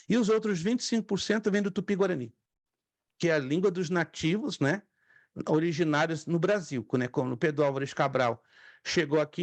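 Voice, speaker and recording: In an online lecture, a middle-aged theology teacher from Brazil, whose first languages are Spanish and Hebrew, says each word again so the students can repeat it. He sounds fairly high for a man. The recording is close and dry, without any room around it.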